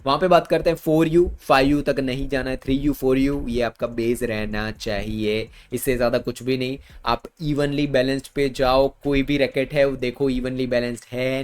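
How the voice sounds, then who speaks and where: A man with an Indian accent explaining badminton racket choice over slides in casual Hindi, repeating words for emphasis. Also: mid-range voice. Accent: Indian Hindi with English terms. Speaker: badminton coach.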